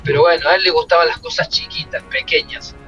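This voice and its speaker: A man's voice: on the high side, steady tone, fast talker, bright, forceful tone, muffled recording, faint music behind. A middle-aged man with an Argentine Spanish accent, a former footballer and coach telling stories from his career in an interview. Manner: emotional, reflective storytelling. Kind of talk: interview answers.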